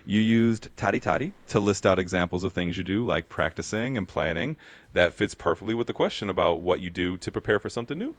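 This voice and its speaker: A man's voice: low-pitched, lively intonation, fairly quick, dry recording. A man speaking as an encouraging, affirming language tutor in a conversational style.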